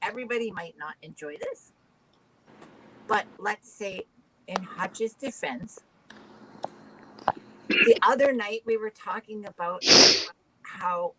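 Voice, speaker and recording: A woman's voice: medium pitch, animated, slow, pauses often. A woman in a casual group chat, telling a crude story in a matter-of-fact way. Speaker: panel participant. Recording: call audio with clear background noise.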